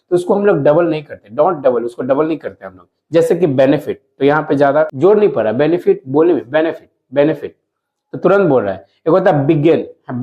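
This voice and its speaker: A man teaching a lesson to viewers, explaining slowly, repeating words and asking himself questions as he goes. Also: a little high, highs cut off. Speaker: English teacher.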